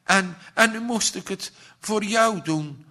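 A man's voice: high voice, slow pace, bright, forceful tone, voice pushed up, full character voice. A man reading aloud voices a distraught, tender middle-aged aunt begging forgiveness. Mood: tearful pleading. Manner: emotional, imploring.

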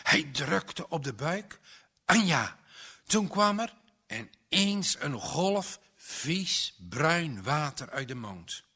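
A man reading a children's story aloud, slow and dramatic, with tense pauses. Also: on the high side, very animated, sharp tone, breathy edge. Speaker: narrator. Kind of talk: storybook narration.

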